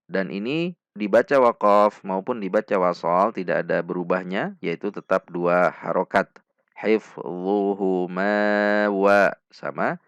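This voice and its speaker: A man with an Indonesian accent teaching Quran recitation step by step, slowly and deliberately repeating each sound for practice. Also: deep voice, no echo, highs cut off.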